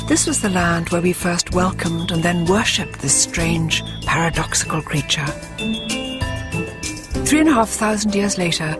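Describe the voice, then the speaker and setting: A woman presenter giving a dramatic, scripted nature documentary narration. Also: lowish voice. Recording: music behind the voice.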